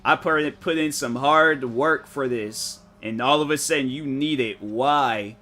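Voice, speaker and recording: A man streaming a game chats loosely, piling up slang as he tells a story. His voice is bright and forward, with a mid pitch. He jumps into little acted-out lines of other people as he goes. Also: measured pace. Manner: rambling storytelling, slangy, animated, mock-quotes people. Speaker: gaming streamer. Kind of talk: casual chat while streaming a game.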